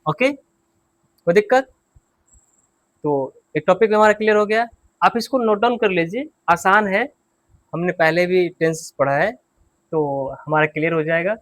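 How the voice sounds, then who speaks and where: A man's voice: high-pitched, unhurried, pauses often, fairly bright tone. A man teaching an English grammar and pronunciation class, patiently repeating key points and quizzing his students.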